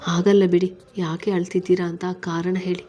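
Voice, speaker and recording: Woman reading as a soft coaxing young wife from a story, low even voice. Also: normal speed, highs cut off, lightly acted. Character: caring young wife soothing her husband.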